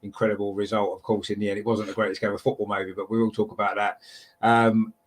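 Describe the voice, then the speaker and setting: A man's voice: fairly low pitch, level tone, quick pace. A man with an English accent casually hosting a live football show.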